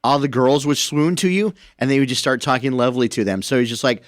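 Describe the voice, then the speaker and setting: Casual male co-host, mid-pitched, rambling, retelling stories with restarts; dry close studio mic. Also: quick pace, dry recording. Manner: rambling, repeats words, animated storytelling. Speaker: podcast co-host. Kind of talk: casual chat. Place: radio station studio.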